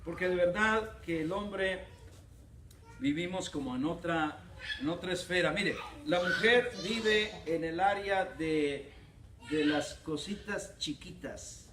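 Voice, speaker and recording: A man's voice: high voice, takes it slowly, a bit bright, a little hiss or hum. A man with a Mexican accent preaching a humorous sermon as pastor, joking and acting out little dialogues. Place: church hall. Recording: echoey church hall from far off, crowd laughing. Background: congregation laughing.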